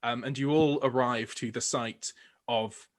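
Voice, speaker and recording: A man narrating as game master of a tabletop game, halting with many fillers and restarts. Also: medium pitch, fairly even intonation. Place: home recording for a podcast.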